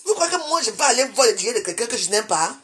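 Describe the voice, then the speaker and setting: A woman, livestreaming from her bedroom on a phone and scolding her viewers, swinging between loud outbursts and low mutters. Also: very animated, fast, noisy background. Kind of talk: live video rant at viewers.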